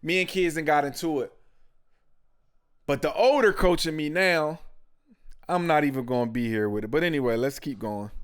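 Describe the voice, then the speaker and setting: A man's voice: on the high side, moderate pace, pauses often, smooth. A man hosting a podcast, giving blunt, emphatic commentary full of street slang. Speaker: podcast host. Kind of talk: casual commentary.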